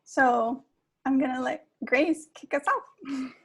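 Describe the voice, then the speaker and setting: A woman's voice: high voice, slow, slightly rough. A woman hosting an online webinar, friendly and chatty, a little distracted while she introduces speakers. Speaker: webinar host.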